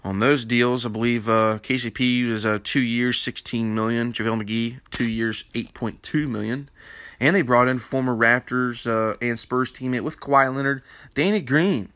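A man's voice: medium pitch, fairly even intonation, normal speed, fairly bright tone, smooth, dry recording. A man hosting a basketball news panel in casual commentary, with a congested morning voice from a sinus infection, rambling with many fillers. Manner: rambling, filler-heavy, opinionated.

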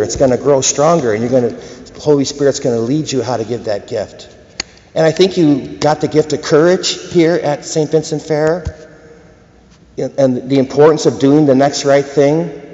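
Echoing church reverb, slightly muffled sound, male priest, medium pitch, liturgical preaching, deliberate phrasing with pauses. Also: dark tone. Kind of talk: liturgical gospel reading and sermon. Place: large church, indoors.

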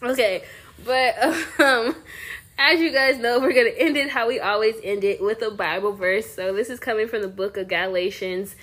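A woman's voice: a little high, moderate pace, fairly bright tone. A young woman co-hosting a podcast, chatting playfully with slangy banter. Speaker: podcast co-host. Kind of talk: casual chat.

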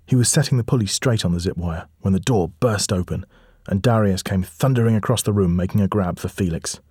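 A man narrating a children's storybook aloud, reading steadily and lively. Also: low-pitched, a little fast, husky, dry recording, clean studio sound.

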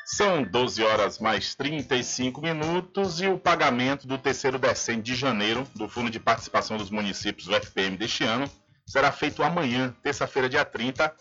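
Bright-voiced radio news presenter, male. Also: mid-range voice. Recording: slightly dull radio audio, music bed. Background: faint music.

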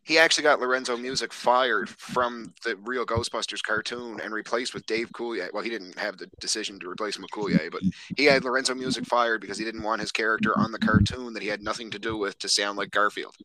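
A man's voice: fairly low pitch, fairly even intonation, fast talker, few pauses, bright, forceful tone, low-quality recording. A man co-hosting a podcast, chatting loosely about movies and swearing often. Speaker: podcast co-host. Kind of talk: casual chat.

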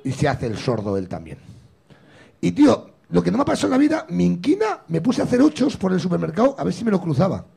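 A middle-aged man from Spain hosting a comedy show, telling a story with a gravelly, husky voice and acting out both sides. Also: high voice, huge pitch swings, quick pace, warm tone. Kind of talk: stand-up style storytelling.

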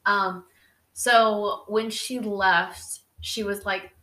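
A woman's voice: mid-range voice, fairly even intonation, drawn-out words, sharp tone. A young adult woman hosting a podcast, telling a story in a casual, chatty way with lots of fillers. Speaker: podcast host. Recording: roomy echo.

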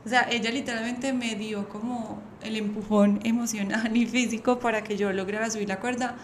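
Animated woman hosting a podcast. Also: on the high side, normal speed. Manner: animated storytelling, laughs often. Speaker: podcast host. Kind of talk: casual podcast chat. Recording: echoey room, faint background noise.

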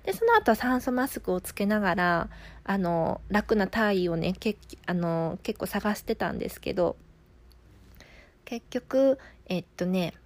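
A woman's voice: medium pitch, big pitch swings, measured pace. A woman with a Kansai accent, a midwife casually telling her own birth story and acting out her inner thoughts. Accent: Kansai Japanese.

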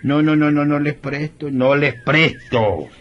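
A man's voice: on the high side, a little slow, lo-fi sound, natural voice. A man playing a stingy, mocking old moneylender in a radio comedy sketch, scolding. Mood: teasing. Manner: scolding, teasing, cackling laughs.

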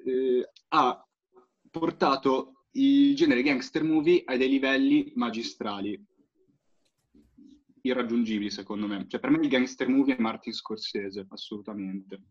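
A man's voice: medium pitch, fairly even intonation, unhurried. A young man chatting casually about films, enthusiastic and opinionated, with frequent hesitant fillers. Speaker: podcast co-host. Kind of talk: casual film chat. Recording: dull lo-fi audio.

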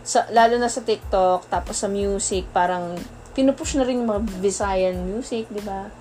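A woman's voice: mid-range voice, normal speed, a little mellow, soft background music. A woman from the Philippines in casual chat as co-host, thoughtful and hesitant, with many fillers.

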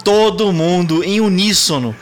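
A man's voice: high-pitched, a little slow, faint music behind. A man hosting a casual podcast, chiming in with jokes while a guest tells a story. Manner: jokey interjections, chiming in. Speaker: podcast host.

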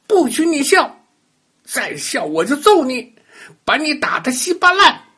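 An older man voicing a hot-tempered bullying little boy who shouts shrilly in a children's story. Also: extremely high pitch, sing-song, a little slow, voice pushed up, full character voice. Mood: threatening.

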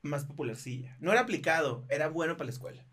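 A man's voice: fairly high pitch, lively intonation, quick pace, fairly bright tone. A young man with a Mexican accent, a musician guesting on a podcast, talking in a laid-back, joking way and swearing casually. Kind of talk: casual chat.

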